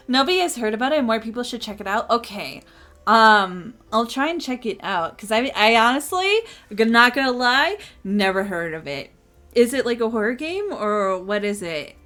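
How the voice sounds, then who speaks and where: Bright, bubbly, high-voiced woman streamer. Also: sing-song, moderate pace. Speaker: variety streamer and VTuber. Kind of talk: casual live game stream commentary. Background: game music.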